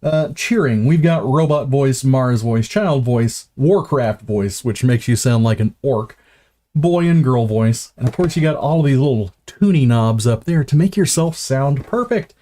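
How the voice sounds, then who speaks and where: A man's voice: medium pitch, a little slow, warm tone. A man unboxing gear on a live stream, chatty and self-mocking, stumbling over words and starting lines again.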